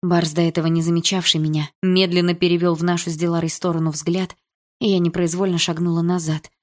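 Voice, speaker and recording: A woman narrating a novel in the first person with calm, even reading. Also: on the low side, fast. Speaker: audiobook narrator.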